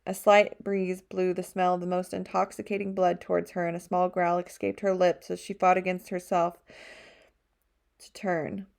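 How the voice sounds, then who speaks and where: A woman narrating an audiobook chapter with a steady storytelling delivery. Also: fairly low pitch, normal speed, gravelly. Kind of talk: scripted narration.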